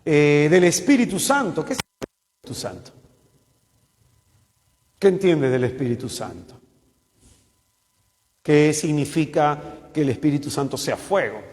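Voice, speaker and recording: A man's voice: a little high, animated, measured pace, long pauses, darkish tone, long reverb tail. A man who is a missionary, teaching a Bible course and often asking his listeners questions. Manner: asks the listeners many questions. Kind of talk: spoken Bible lesson.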